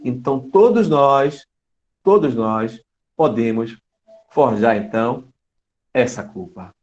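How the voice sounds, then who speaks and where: A man giving an online spiritist lecture in an expressive storytelling manner, with dramatic shifts in his voice. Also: medium pitch, slow pace. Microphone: computer mic on a video call. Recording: dull lo-fi online call audio.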